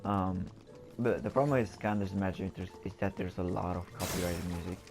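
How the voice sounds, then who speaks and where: A man with a low voice hosts a gameplay video. He talks casually, rambling and pausing as he thinks aloud. Game music is clearly audible behind him. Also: steady tone, darkish tone.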